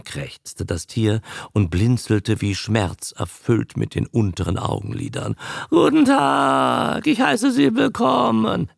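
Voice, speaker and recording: Man doing a croaking talking newt. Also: mid-range voice, no room sound, studio quality, heavily acted. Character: tired talking male newt, croaking with effort.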